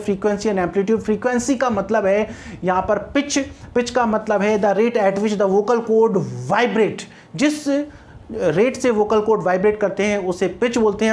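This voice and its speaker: A man's voice: sits high, a little mellow. A man with an Indian English accent teaches phonetics to exam candidates. He explains step by step and repeats key points, and he keeps stopping to ask whether the class is following. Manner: explains patiently with checking asides and repetition. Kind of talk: exam-prep lecture in Hindi mixed with English.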